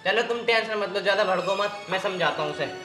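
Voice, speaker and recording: A weary, placating village son. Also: male voice, sits high, quick pace, sharp tone, faint music behind. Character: weary young husband caught between wife and mother. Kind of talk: rural film drama acting. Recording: roomy echo.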